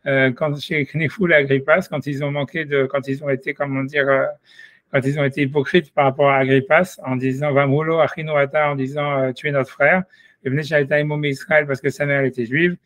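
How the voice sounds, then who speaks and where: A man teaching an informal Talmud lesson, thinking aloud in a halting way with many restarts. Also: medium pitch, little pitch movement, fairly bright tone, dry recording. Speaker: Torah study teacher.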